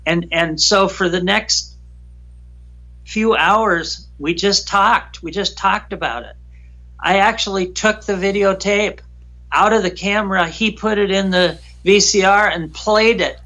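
A man guest recounting a frightening personal story in an emotional, halting way, often repeating himself. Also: sits high, bright, forceful tone.

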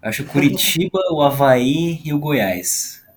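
A man's voice: fairly high pitch, expressive, unhurried. A man with a Brazilian Portuguese accent taking part in a football panel in a casual, conversational way. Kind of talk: casual chat.

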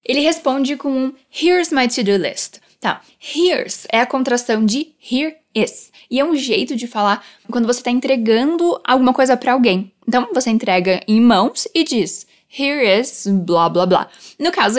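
A young Brazilian woman with a fairly high voice teaches English phrases. She switches between quick explanations and slow, careful repetitions for students to copy, in a lively teacher's manner. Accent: Brazilian Portuguese. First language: Portuguese. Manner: lively, repeats phrases slowly for practice. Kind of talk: language lesson with drills.

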